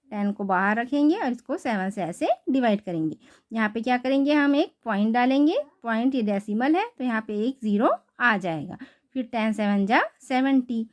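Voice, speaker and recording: A woman maths teacher explaining decimals in a classroom lesson, asking questions and answering them herself. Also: a little high. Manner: asks questions and answers them herself, repeats key terms; reads English definitions slowly and carefully.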